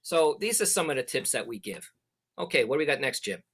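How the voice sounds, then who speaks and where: A man giving a quick, animated presentation as a club instructor. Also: mid-range voice, husky. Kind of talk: presentation talk.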